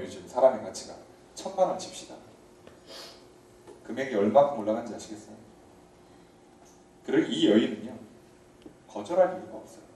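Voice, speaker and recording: A male pastor preaching a sermon in a church, talking to the congregation in a conversational, animated way and asking them questions. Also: mid-range voice. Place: church sanctuary. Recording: echoey church hall, voice from far off.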